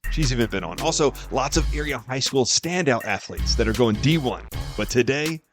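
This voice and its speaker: A man's voice: mid-range voice, lively intonation, moderate pace. A man hosting a podcast, giving a chatty, upbeat intro with playful self-deprecating asides. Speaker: podcast host. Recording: music bed underneath.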